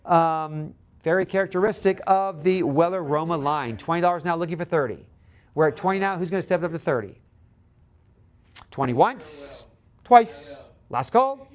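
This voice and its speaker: Man, auctioneer, high-pitched, live auction calling, repetitive bid chant. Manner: auctioneer's patter, repeating bids and calls for the next.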